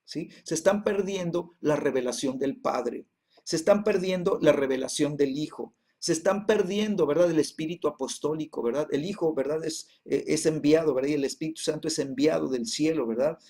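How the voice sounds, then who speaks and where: A man teaching a Bible class, reading verses slowly and then explaining them with many hesitations and repeated tag questions. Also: fairly high pitch, darkish tone.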